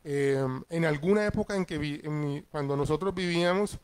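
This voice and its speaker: A man's voice: fairly high pitch, normal speed, smooth. A middle-aged man, a pastor teaching Sunday school in a conversational way and checking in with his listeners. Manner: acts out family voices in passing.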